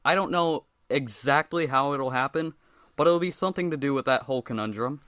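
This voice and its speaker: A young man narrating his own animated story with deadpan, self-mocking humor that rises into excited outbursts. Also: medium pitch, a little fast, no room sound.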